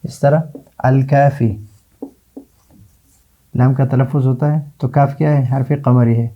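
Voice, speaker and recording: A man teaching Arabic letters in a classroom lesson, slowly drawing out example words and answering his own questions. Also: mid-range voice, fairly even intonation, lo-fi sound. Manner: slow, drawn-out repetition of example words.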